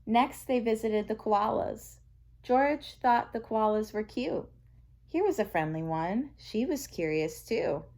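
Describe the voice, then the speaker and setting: Her voice is a little high as she tells the story of a children's picture book aloud, expressive and carefully paced.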